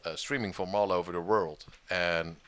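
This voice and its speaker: Very deep-voiced man, halting with fillers. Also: fairly even intonation, fairly bright tone, a little hiss or hum. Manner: hesitant, many fillers and restarts. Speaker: online music community organizer. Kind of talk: casual interview conversation.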